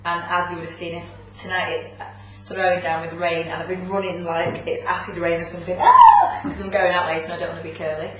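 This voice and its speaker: A woman in her twenties, a pop group member chatting casually in an interview, self-mocking and quick to laugh. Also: on the low side, little pitch movement, noisy background. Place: webcast studio. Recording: echoey room from far off.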